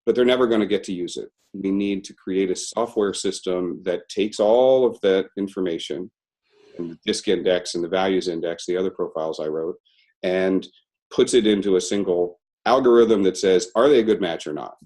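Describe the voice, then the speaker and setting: A middle-aged man, a company founder, telling his story as an interview guest and stressing key words with sudden jumps in pitch. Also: moderate pace, darkish tone.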